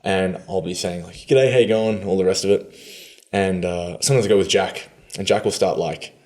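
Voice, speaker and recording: A man's voice: sits low, flat delivery, brisk, darkish tone. A man with an Australian accent, chatting casually as a podcast guest, laid-back and often laughing. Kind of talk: casual interview chat.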